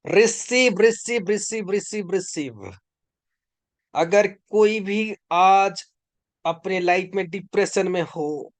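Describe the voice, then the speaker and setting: A fervent male preacher leading prayer over a video call, his voice set a little high. He talks slowly and commandingly, with sudden bursts of speaking in tongues, and the sound is dry with no room echo. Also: a little mellow. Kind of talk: charismatic sermon with prophecy and prayer.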